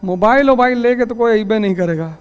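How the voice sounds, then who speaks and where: A man's voice: extremely high pitch, fast, clean tone, faint music behind. A male teacher lecturing his class in a classroom, telling anecdotes and scolding students. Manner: storytelling, scolding, rustic asides.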